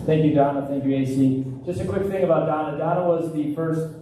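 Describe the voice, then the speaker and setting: A man's voice: on the high side, fairly even intonation, brisk. A man hosting an awards ceremony, making informal announcements between presenters. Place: large echoey room at a live ceremony. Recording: echoey hall, distant mic, noisy.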